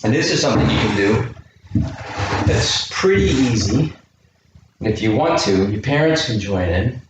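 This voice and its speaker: A man's voice: fairly low pitch, lively intonation, normal speed. A man leading a home workout class for kids, counting reps aloud and asking encouraging questions. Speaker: youth fitness coach. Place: indoor room with a chair. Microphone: camera microphone from a distance. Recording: very echoey room, distant mic, faint noise.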